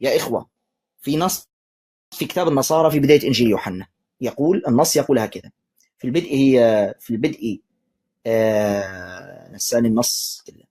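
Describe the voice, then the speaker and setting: A man's voice: medium pitch, brisk, pauses often, a little mellow, slightly rough. A man, a sheikh, debating religion, pressing his opponent with repeated insistent questions and sarcastic jabs. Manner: mocking, sarcastic.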